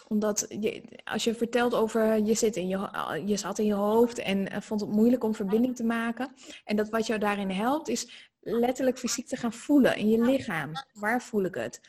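A woman hosts the interview with a slightly high, husky voice. She asks gentle questions and affirms what her guest says. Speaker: podcast host.

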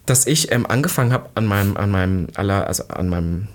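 A young man co-hosting a casual podcast chat, animated and giggly as he tells odd stories. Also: on the low side, fast talker. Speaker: podcast co-host.

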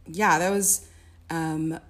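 This young woman from the American Midwest has a low, steady voice and takes her time. She works as a singer and music therapist, and as a guest on a podcast she chats in a casual interview style full of fillers and restarts.

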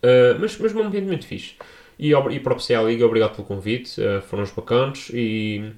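A young male vlogger with a European Portuguese accent rattles through a casual story, a little fast, animated and slangy, never holding one tone. His voice sits at a middle pitch, jumping into high-pitched voices when he quotes people. The sound bounces around an echoey room.

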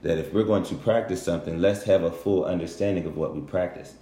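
Brief: man, very low mellow voice, a bit under the weather with a cold, casual talk to followers, roomy echo. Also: quick pace. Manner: conversational, often restarts and corrects himself, asks "you understand?". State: has a cold, speaking low. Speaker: social commentator addressing followers. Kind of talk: casual spoken monologue.

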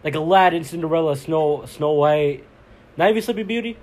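A man's voice: fairly high pitch, fairly quick, darkish tone. A young man co-hosting a casual podcast, losing his voice and teasing his friend. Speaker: podcast co-host. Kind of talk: casual chat.

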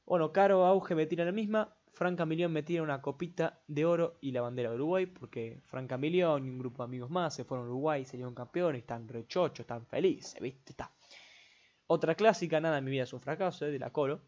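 A young Rioplatense man chats alone into the mic as a podcast host, wandering from thought to thought and tagging his lines with little fillers. His voice sits a touch high for a man. The recording sounds dull and lo-fi. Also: brisk, darkish tone. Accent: Rioplatense Spanish. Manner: rambling, chatty, full of filler tags. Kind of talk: casual solo podcast chat.

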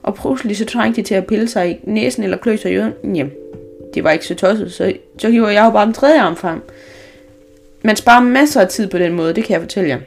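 A woman voicing a bold, cheeky young girl in a storybook reading, loud, lively and boastful. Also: mid-range voice, lightly acted. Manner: lively, loud, fibbing with gusto.

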